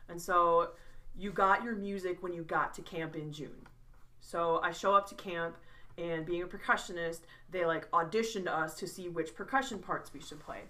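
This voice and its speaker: A woman's voice: lowish voice, normal speed, pushed and bright, far from the mic. A young woman co-hosting a casual chat, telling a story with lots of "like"s and playful emphasis. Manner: chatty, many "like"s, playful emphasis.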